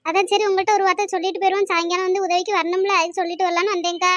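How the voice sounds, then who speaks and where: A woman's voice: extremely high pitch, little pitch movement, very fast, no echo, studio quality. A woman voicing a chatty young village woman in a cartoon. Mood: eager. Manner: eager, chatty, listing details. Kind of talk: cartoon voice acting.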